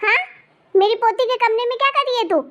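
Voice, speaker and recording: A woman voicing a haughty old grandmother in an animated cartoon, scolding harshly and with contempt. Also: very high voice, normal speed.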